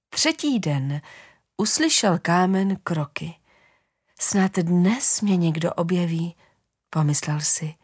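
Gentle woman storyteller, dry close sound. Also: on the low side, no echo. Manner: gentle, slow, often drops into a whisper. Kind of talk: storybook narration.

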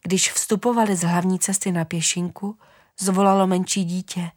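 A woman reading a fairy tale aloud in a gentle, unhurried way, often dropping into a whisper. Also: on the low side, steady tone, dry recording, clean studio sound. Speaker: storyteller. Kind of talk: storybook narration.

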